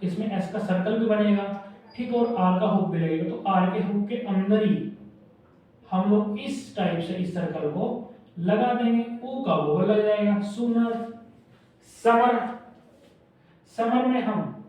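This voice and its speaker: A man teaching a shorthand class who says each word slowly, breaks it into syllables and repeats it as he writes. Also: high voice, a little mellow. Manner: slow, spells words out syllable by syllable and repeats them. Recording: echoey, dull, distant room recording.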